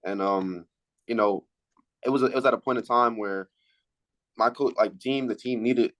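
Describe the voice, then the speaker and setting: A young man in his late teens, a high school athlete, answering casual interview questions in a halting way, repeating words as he thinks. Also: fairly bright tone. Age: late teens, high school senior.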